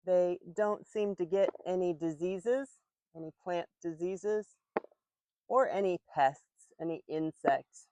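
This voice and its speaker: A woman teaching English slowly and clearly while working in her garden. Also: fairly low pitch, mellow, no room sound. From United States. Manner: slow, clear, patient explaining. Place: outdoor garden, rooster in background.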